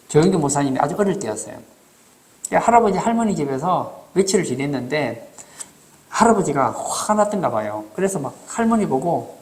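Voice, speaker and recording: Animated Korean pastor preaching. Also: male voice, a little high. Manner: animated preaching, rhetorical questions, acted-out quotes. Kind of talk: sermon.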